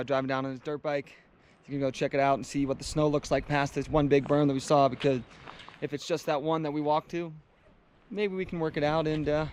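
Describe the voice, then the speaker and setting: A high-voiced man talks excitedly to the camera while out on a river trip, his words cutting through loud rushing water and wind. He sounds stoked and casual, with an easy vlogger's energy. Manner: excited, hyped, shouting whoops. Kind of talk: casual outdoor vlog narration. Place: outdoors by a river and snowy road.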